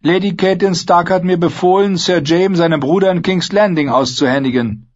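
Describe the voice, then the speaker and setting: A man's voice: high-pitched, brisk, dull audio, voice pushed up, close to an everyday voice. A man voicing a proud, earnest young woman knight who speaks insistently in an audiobook. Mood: pleading. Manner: insistent, pleading. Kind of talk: audiobook character voice.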